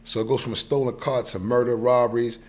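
He's a fast talker with a mid-range voice that barely moves in pitch. A New Yorker in his forties with a matching accent, he's a podcast guest telling a personal story casually and regularly checking in with the listener. The setting is a small indoor podcast studio, with a close podcast mic on a boom arm.

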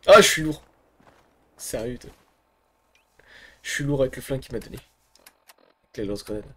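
A man giving casual let's-play commentary, excitable, swearing, and muttering to himself between outbursts. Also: medium pitch, moderate pace, slightly rough. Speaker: gamer streamer.

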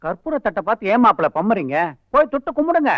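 A man's voice: high-pitched, sing-song, fast, a little hiss or hum. An actor playing an older father-in-law in a film comedy, talking in a coaxing, insistent way. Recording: dull lo-fi film soundtrack.

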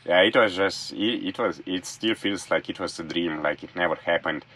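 Young man, from Slovenia, non-native speaker, very deep voice, enthusiastic, casual video call. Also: moderate pace, fairly bright tone, dry recording. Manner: enthusiastic, restarts sentences often. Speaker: guest, former college thrower. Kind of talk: casual interview chat. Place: small room in a camper van.

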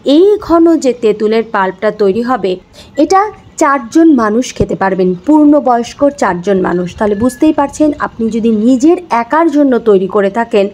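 A woman, calmly explaining home remedies and speaking directly to the viewer in an instructional talk. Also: a little high. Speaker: health and beauty tips presenter.

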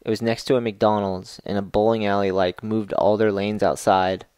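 Laid-back slangy man, low dry voice. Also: little pitch movement, moderate pace, darkish tone, smooth, no room sound. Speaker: podcast co-host. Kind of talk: casual chat. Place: small studio room, indoors. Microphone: boom mic with headphones.

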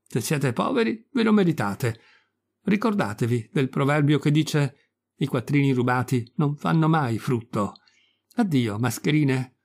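A man's voice: mid-range voice, animated, unhurried, vocal fry. A man reading the part of a young wooden puppet boy in an audiobook, with an earnest, pleading tone. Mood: scornful.

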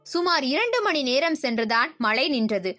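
Young woman, children's audiobook narrator, high pitch, steady clear telling, faint music underneath. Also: normal speed. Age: young adult.

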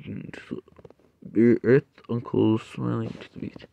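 A young man reading fan-made stories aloud, stumbling and halting with asides, over faint background noise. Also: medium pitch, little pitch movement, gravelly, warm tone, dry recording, muffled recording.

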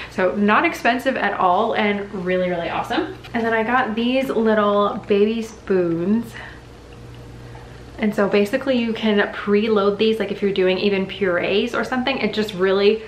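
A young woman vlogging as a mom, chatting enthusiastically about her haul, full of "like" and excitement. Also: mid-range voice. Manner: bubbly, enthusiastic, chatty with many likes. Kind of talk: casual haul chat to camera. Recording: echoey room with faint background hum.

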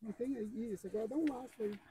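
A woman, the vlogger's partner, briskly giving practical instructions outdoors. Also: a little high, mellow, rough recording. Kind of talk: casual talk on camera. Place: outdoors in scrubland by a car.

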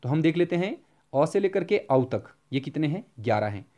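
This exam-prep Hindi grammar lecture comes from a man whose voice is on the high side, sing-song and mellow, in a muffled recording. He regularly asks and then answers his own questions, and slows to spell out examples.

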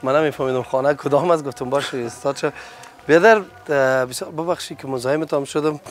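A man's voice: on the high side, faint music behind. A man hosting a hidden-camera prank, talking in a pushy, menacing way on a city street. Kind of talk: prank confrontation in casual street talk.

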